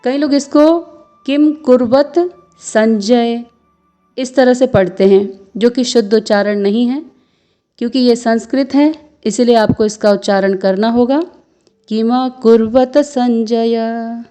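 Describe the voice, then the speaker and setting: A woman teaching Sanskrit verse recitation, patiently chanting each line slowly and then explaining pronunciation. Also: fairly high pitch, warm tone, soft background music. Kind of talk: slow instructional recitation.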